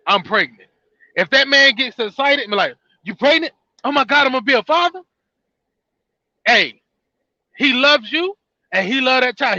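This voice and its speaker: A man's voice: very high voice, sharp tone, no room sound, highs cut off. A man giving earnest, repetitive life advice in a casual monologue to camera, often restarting his sentences.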